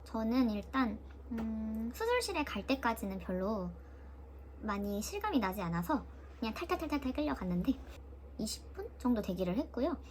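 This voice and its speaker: A young woman vlogger casually retells something that happened to her, her fairly high voice moving at a normal pace over a faint hiss or hum. She's lively, often imitating other people's voices, including nurses and her sister.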